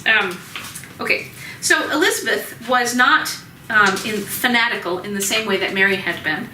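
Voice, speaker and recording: A woman's voice: medium pitch, normal speed, bright, forceful tone, echoey room, recorded from a distance, a little hiss or hum, poor audio. A woman teaching music history in a chatty recorded lecture, with many ums, sometimes acting out the sounds in the music. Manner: chatty, many ums, voices vendor cries and hen clucks for fun.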